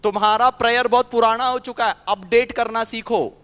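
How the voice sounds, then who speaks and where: A man's voice: extremely high pitch, fairly even intonation, normal speed, fairly bright tone, clean tone, pitched above the performer's own voice. A man voicing a brash, cheeky middle-aged man from the audience who speaks in an insistent, matter-of-fact way.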